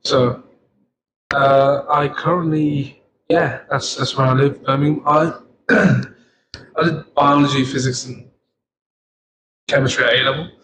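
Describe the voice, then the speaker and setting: A man's voice: medium pitch, fairly even intonation, measured pace, pauses often, background noise. A young man from Sri Lanka, a chemistry student co-hosting a podcast, talking casually and rambling with frequent laughs. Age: young adult. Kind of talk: casual chat.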